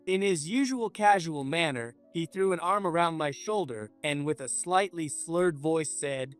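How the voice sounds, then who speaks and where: A man narrating a scripted first-person story in an even, measured way. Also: on the high side, smooth, faint music behind.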